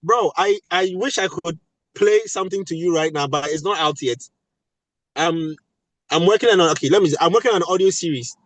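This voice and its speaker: His high voice runs a little fast with a fairly bright tone as this Ghanaian-accented voice actor and audio producer makes emphatic, repeated points during an animated webinar panel. The audio quality is poor.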